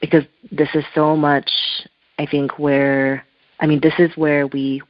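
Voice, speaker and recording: Heard over a muffled telephone line with no room sound, this woman's voice sits low, stays level and moves unhurriedly. A Korean-speaking spiritual artist by background, she reflects and searches for her thoughts in loosely phrased answers to an interviewer.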